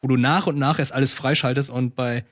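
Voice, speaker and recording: A man co-hosting a casual gaming talk show, speaking quickly with frequent hesitations and fillers. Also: medium pitch, steady tone. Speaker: podcast co-host.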